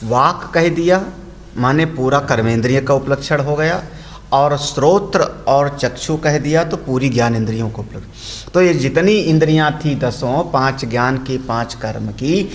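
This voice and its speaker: A man's voice: mid-range voice, normal speed. An older man, a swami, giving a storytelling commentary on scripture and explaining Sanskrit phrases.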